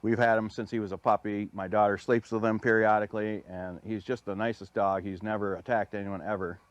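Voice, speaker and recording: Low-voiced man, dry close sound. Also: little pitch movement, a little fast, no room sound. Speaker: interviewed dog owner. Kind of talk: plain eyewitness account in a news interview.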